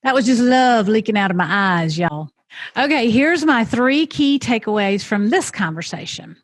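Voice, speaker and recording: Her voice is a little high and expressive, moving at a moderate pace in a dry recording. As a podcast host, she conducts a conversational interview with warm, emotional speech, repeating herself when touched, and then speaks directly to listeners to wrap up.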